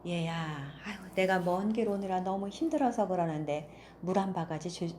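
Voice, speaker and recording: A woman voicing a magical old grandmother who speaks slowly, softly and breathily. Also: lowish voice, animated, slight background noise, natural voice. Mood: gentle. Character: magical old grandmother, kindly but stern.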